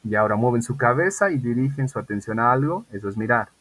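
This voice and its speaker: This is a man teaching an English lesson in an online class, speaking into a computer microphone. His voice is a little husky, at an ordinary middle pitch. He stretches out the example sentences slowly and punctuates his explanations with "¿ok?". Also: expressive, a bit bright, poor audio. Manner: patient, repeats model sentences slowly with emphasis; often checks in with "¿ok?".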